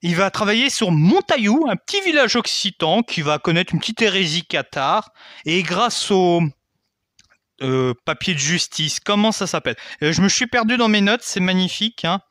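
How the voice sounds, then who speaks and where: Young male history host, high animated voice, conversational lesson delivery, dry close sound. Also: moderate pace, no room sound. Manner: chatty, frequent "hein" and asides. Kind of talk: casual educational explainer.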